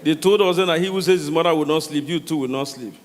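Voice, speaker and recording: Man, Nigerian accent, animated comic storyteller, Pidgin phrases, reverberant hall, noisy live recording. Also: a little high, fast. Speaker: stand-up comedian. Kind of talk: comedic storytelling to a live audience. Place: large hall with a stage.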